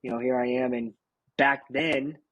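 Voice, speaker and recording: An earnest, reflective male host at a middle pitch, speaking into a dry, close mic. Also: steady tone, moderate pace, a bit bright, dry recording, poor audio. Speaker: podcast host. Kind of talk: reflective interview talk.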